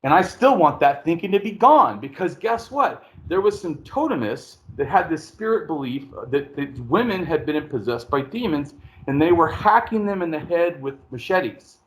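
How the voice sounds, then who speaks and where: A man hosting a casual conversation, explaining at length in a rambling, animated way and swearing freely. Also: fairly high pitch, moderate pace. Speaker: podcast host.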